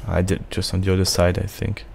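Man, gameplay commentary, anxious muttering, gravelly voice, faint hiss and keyboard clicks. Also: low-pitched, monotone, fairly quick, a little mellow. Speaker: gaming video host.

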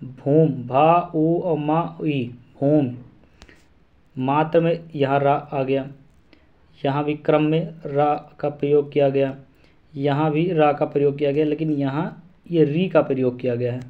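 A man's voice: fairly high pitch, unhurried, narrow, tinny audio. A man teaching an exam-prep lesson, repeating syllables and memory rhymes aloud to drill them in.

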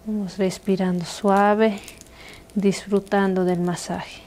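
A young woman narrating an ASMR massage in a hushed, intimate, soothing voice that is close to a whisper. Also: mid-range voice, little pitch movement, slow, slight background noise. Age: young adult. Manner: hushed, intimate, soothing soft-spoken delivery, dropping into whispers. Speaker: massage practitioner. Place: small living room, indoors.

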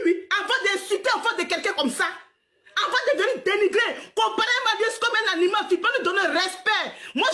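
A woman's voice: very high voice, sharp tone. A woman in her forties on a live stream, scolding someone at length with frequent laughter and lots of repetition. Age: 40s. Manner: scolding, laughing often, repeats herself. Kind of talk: heated live-stream rant.

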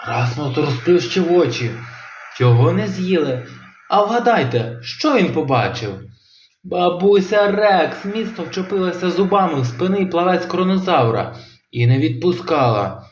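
A man narrating a children's audio tale in an animated, expressive way. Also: fairly high pitch, unhurried, slight background noise. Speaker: storyteller. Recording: roomy, slightly dull home recording.

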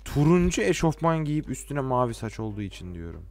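A teenage man from Turkey giving casual, joking gameplay commentary, talking to game characters and swinging from quiet mutters to sudden shouts. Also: medium pitch, big pitch swings, a little fast, vocal fry. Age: late teens. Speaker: gaming YouTuber.

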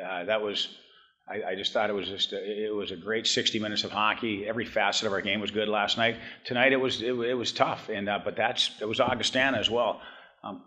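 A head hockey coach in his fifties giving a postgame press conference, talking in halting bursts with many restarts, blunt and frank. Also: on the low side, bright, forceful tone, lo-fi sound. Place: press room in front of a team backdrop.

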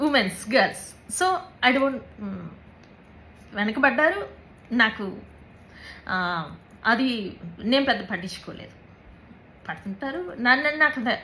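A woman tells her own story in an interview, in a halting way that circles back on its words and drops in English terms. Her voice sits a little high and sounds bright and forceful. Faint noise hums behind her. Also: rough recording. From Andhra Pradesh, India. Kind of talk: personal account in an interview.

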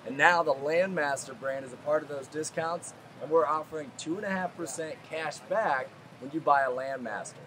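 A man in his thirties at an outdoor farm show giving an upbeat promotional pitch with direct calls to action. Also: normal speed, few pauses, a bit bright, a little hiss or hum. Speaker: company rep hosting the video. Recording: music playing behind.

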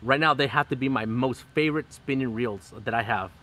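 A middle-aged man talks to his live stream viewers from outdoors, his phone held close. He chats loosely with lots of ums and restarts and breaks into laughter now and then. His voice sits at an ordinary middle pitch for a man. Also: fairly quick, fairly bright tone. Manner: chatty, frequent fillers and restarts, bursts of laughter. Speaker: fishing channel host. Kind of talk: casual live stream chat. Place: outdoors in a backyard under a canopy. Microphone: phone camera close up.

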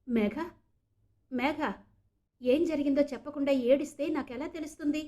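A woman's voice: high-pitched, fairly even intonation, normal speed, mellow, pitched above the performer's own voice, natural voice. A woman voicing a worried young man who talks anxiously and then soothingly on the phone. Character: worried young man, caring fiancé type.

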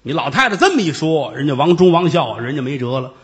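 A man's voice: mid-range voice, fast, big-room sound. A man telling a traditional tale in a wry, conversational way with asides. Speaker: storyteller. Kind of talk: traditional oral storytelling.

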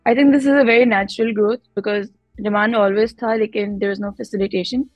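A woman's voice: mid-range voice, steady tone, rapid-fire, dry recording, lo-fi sound, faint music behind. A young Pakistani-accented woman giving conversational interview answers as a guest player, switching between Hindi-Urdu and English mid-sentence. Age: young adult. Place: indoor room, on a video call.

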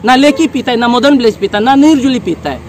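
Impassioned high-voiced man at a press briefing. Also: quick pace, slight background noise. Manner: impassioned, emphatic, rising in force. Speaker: village council leader.

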